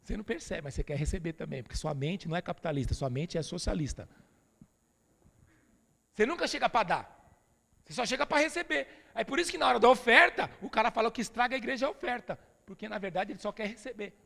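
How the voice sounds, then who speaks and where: A Brazilian man delivers an emphatic, familiar sermon, his voice set high and roughened by a gravelly edge. Long reverb from a church hall trails behind every phrase. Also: animated, fast talker, a bit bright. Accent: Brazilian Portuguese. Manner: emphatic, familiar, calls listeners "dear". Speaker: pastor.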